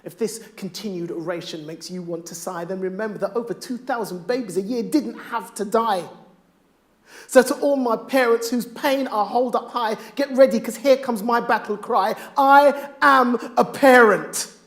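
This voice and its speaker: A middle-aged father speaking on stage, performing spoken word poetry with a rhythmic, rhymed delivery that swings from hushed to loud. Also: high voice, normal speed.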